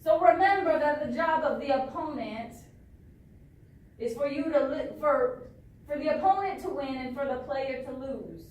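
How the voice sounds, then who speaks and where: A woman leading a group discussion as a trainee facilitator, asking questions in a halting way and repeating herself. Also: high voice, a little mellow, muffled recording. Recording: echoey room, far from mic, faint noise.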